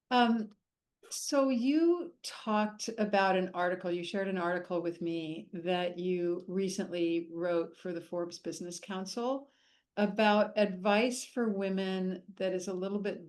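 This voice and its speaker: A woman's voice: on the low side, a little mellow. A woman hosting a casual interview over a video call, affirming and encouraging her guest as she asks questions. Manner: encouraging, affirming listener who laughs along. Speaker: interview host.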